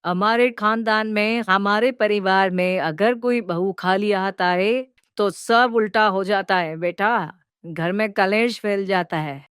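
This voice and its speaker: A woman's voice: mid-range voice, slow pace, fairly bright tone, clear, resonant tone, no room sound, studio quality. A woman voicing a bossy greedy mother-in-law. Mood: scolding. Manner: bossy, nagging, demanding. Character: greedy scheming middle-aged mother-in-law. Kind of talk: cartoon voice acting.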